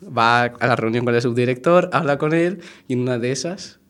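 A man's voice: mid-range voice, normal speed, a bit bright. Playful man from Spain telling a joke. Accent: Spain Spanish. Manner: playful, laughing storyteller. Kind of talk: casual chat, telling a joke.

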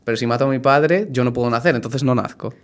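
A man's voice: mid-range voice, fast talker. A man from Spain chatting casually, laughing as he tells a long joke to a co-host. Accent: Spain Spanish. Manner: playful, laughing storyteller. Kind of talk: casual chat, telling a joke.

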